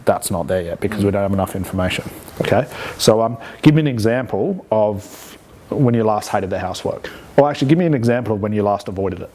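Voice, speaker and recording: A man's voice: on the low side, animated, fast talker, darkish tone, a little hiss or hum. A man teaching hypnosis in a live demonstration, explaining conversationally and checking in with rhetorical questions. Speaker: hypnosis instructor.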